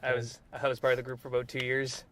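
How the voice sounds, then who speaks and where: A man's voice: medium pitch, monotone, quick pace. A young man chatting casually as a podcast guest, hesitant with many fillers. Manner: hesitant, filler-heavy, laid-back. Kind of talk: casual chat.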